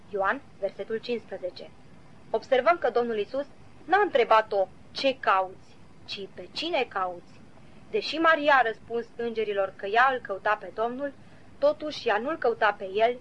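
A woman reading a devotional Bible commentary aloud in a measured, earnest way, citing verses as she goes. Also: on the high side, a bit bright. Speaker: Bible teacher. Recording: slightly dull lo-fi recording.

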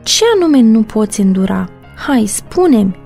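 A woman reading a novel aloud, voicing an angry, stubborn husband who shouts his refusals in clipped, insistent lines. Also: fairly high pitch, sing-song, faint music behind. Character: angry man, stubborn and cold-hearted husband. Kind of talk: audiobook reading.

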